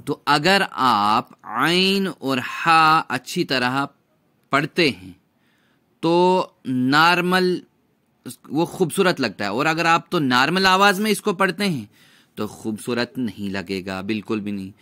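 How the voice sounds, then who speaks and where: A man teaching a recitation lesson, drawing out sounds slowly for students to repeat after him. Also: mid-range voice, lively intonation, pushed and bright. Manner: patient, drawn-out demonstration of sounds.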